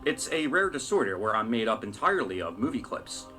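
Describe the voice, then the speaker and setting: Man, bright forceful voice, big hall echo effect, deadpan comedy guest. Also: lowish voice, brisk, soft background music. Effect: big echoey hall reverb on the voice. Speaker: guest film reviewer. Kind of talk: comedy sketch banter.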